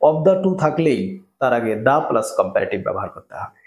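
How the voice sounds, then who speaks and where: Man, grammar teacher, step-by-step explanations, slow deliberate example sentences, middle pitch, roomy echo. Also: big pitch swings, a little mellow. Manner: explains step by step, often asks "right?". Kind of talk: exam-prep grammar lesson.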